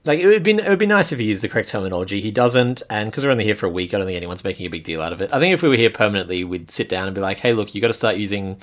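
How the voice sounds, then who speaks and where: A man's voice: fairly low pitch, very animated, rapid-fire, few pauses. A man with a Queensland Australian accent chatting casually and candidly as a podcast host, with dry humour. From Toowoomba, Queensland, Australia. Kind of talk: casual chat.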